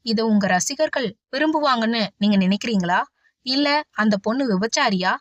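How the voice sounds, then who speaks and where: A man's voice: high-pitched, normal speed, no echo, lightly acted. A pushy male reporter who fires off needling questions, voiced by a woman narrator. The recording is dry and slightly dull. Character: prying, aggressive male reporter.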